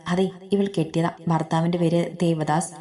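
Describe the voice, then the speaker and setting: A kind, teasing grown son who is also a boss, speaking easily in a spoken story, voiced by a woman narrator. The voice is mellow and low. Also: flat delivery, moderate pace, natural voice. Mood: friendly. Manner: warm, playful.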